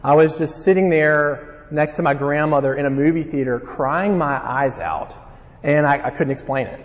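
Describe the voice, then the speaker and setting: A man's voice: on the high side, fairly even intonation, fairly quick. Alabama Southern man preaching in a hall. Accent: Alabama Southern American. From Alabama, United States. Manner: informal, folksy. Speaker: conference preacher. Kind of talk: sermon with scripture reading and personal storytelling. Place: large reverberant room, live talk. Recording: dull sound in a reverberant hall.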